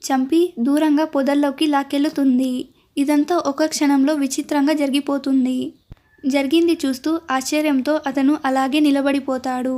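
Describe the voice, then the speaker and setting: A woman narrating a romantic story with a steady, even reading. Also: high-pitched.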